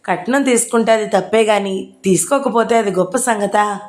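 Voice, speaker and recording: A woman's voice: medium pitch, normal speed, close to an everyday voice. A woman voicing a surprised female friend who questions things with puzzled disapproval.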